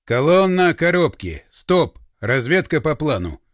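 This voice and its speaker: A man's voice: fairly high pitch, sing-song, unhurried, no echo, clean studio sound. A man voicing a terse male military squad commander who speaks in clipped, commanding phrases. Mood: curt.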